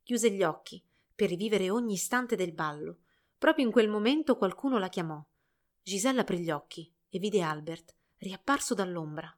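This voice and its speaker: A woman reading a fairy tale aloud in an expressive storybook narration. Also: medium pitch, moderate pace.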